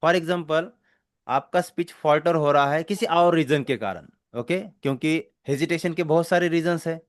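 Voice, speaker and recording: Indian guy teaching english, mixes in hindi, slow and patient, kinda high voice, dry close sound. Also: dry recording. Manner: explains slowly, mixes Hindi and English, keeps checking understanding. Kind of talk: spoken English class.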